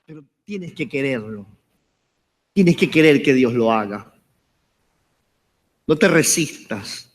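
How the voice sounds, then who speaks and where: High-pitched guy preaching a fired-up sermon, makes the church repeat stuff back, cracks jokes. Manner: fervent, calls on the congregation to repeat phrases; jokes and rises to shouts at times. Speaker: apostle preaching to a congregation.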